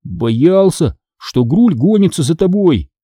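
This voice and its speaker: A man's voice: on the high side, lively intonation, takes it slowly, mellow, husky, dry recording, clean studio sound, pitched above the performer's own voice, heavily acted. A man voicing a timid little boy who sulks and grumbles sheepishly.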